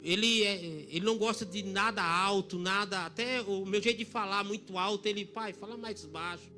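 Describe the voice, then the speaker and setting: Bright-voiced pastor preaching. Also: male voice, high voice, steady tone, fairly quick, soft background music. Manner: emphatic preaching, drops to near whisper for quoted lines. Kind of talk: sermon. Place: church service.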